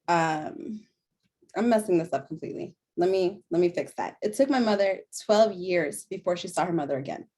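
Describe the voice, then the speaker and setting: A young woman with a General American accent and a fairly low, dark voice reads a prepared panel talk earnestly, now and then correcting herself and laughing occasionally. She was born in a refugee camp in Sudan and raised in Denver.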